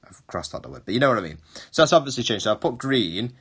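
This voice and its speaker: A man's voice: medium pitch, very animated, fast talker, a bit bright, breathy edge. A male history teacher giving a recorded online lesson, explaining step by step, rephrasing and correcting himself as he goes.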